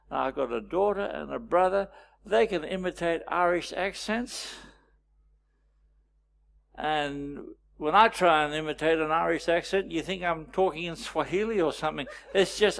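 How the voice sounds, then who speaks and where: A man leading a storytelling workshop, teaching with wry anecdotes and frequent pauses. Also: fairly high pitch, vocal fry. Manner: anecdotal, wry, pausing often. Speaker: workshop presenter.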